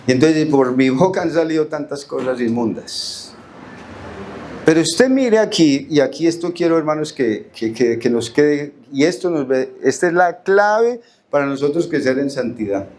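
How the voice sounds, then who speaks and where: In a church hall, a Colombian-accented man with a fairly high, expressive voice and a darkish tone leads a Bible study at normal speed. He reads verses aloud, drawing out key words, and poses questions to the congregation that he then answers himself.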